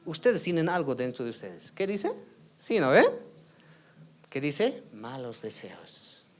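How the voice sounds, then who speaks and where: A man preaching a sermon at a church meeting. He asks his congregation question after question and swings between loud emphasis and quiet asides. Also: medium pitch, big pitch swings, slow. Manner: rhetorical questions with tag "¿no?", swings from loud to soft. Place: church service.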